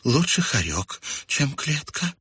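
A man's voice: medium pitch, very animated, slow, sharp tone, breathy edge, dry recording, studio quality, voice pushed up, exaggerated voice. A man voicing a tiny, frightened girl who stammers in a storybook.

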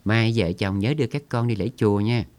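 A man voicing a brisk, chatty middle-aged village mother, speaking in a deep voice. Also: darkish tone, close to an everyday voice. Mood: hushing.

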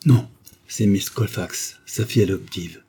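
A man reading the lines of a calm, earnest viscount who gives grave, persuasive counsel in an audiobook. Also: fairly low pitch, a little slow, vocal fry, breathy edge, full character voice. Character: calm, earnest male viscount, loyal friend.

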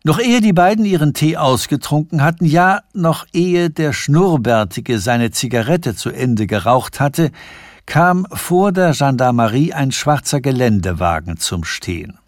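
Slow, measured male narrator. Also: medium pitch, dry recording, clean studio sound. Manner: measured, expressive storytelling. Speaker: audiobook reader. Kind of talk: scripted literary narration. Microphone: studio microphone.

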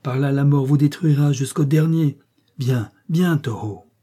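A stern, commanding father figure from a storybook, as a male narrator puts him on, scolding in a dark, husky voice. His words come firm and grave. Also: medium pitch, measured pace.

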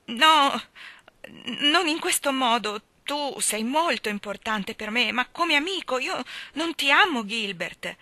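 A woman's voice: high voice, lively intonation, slow pace, dry recording, voice pushed up, heavily acted. A woman voicing a passionate, emotional young woman in an audiobook, pleading and crying out. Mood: anguished. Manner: pleading, rising to loud emotional outbursts.

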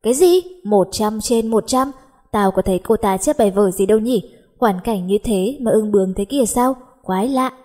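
A woman's voice: mid-range voice, a little fast, mellow, close to an everyday voice. A woman voicing an arrogant teenage schoolboy who scolds and mocks. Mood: astonished. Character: brash teenage schoolboy, arrogant rich heir.

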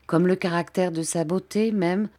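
A woman reading a classic novel aloud in a measured, even storytelling manner. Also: fairly low pitch. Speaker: audiobook reader.

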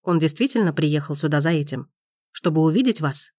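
A woman voicing a mocking, stubborn man who asks slow, measured, teasing questions. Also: low voice, expressive, mellow, no echo, studio quality.

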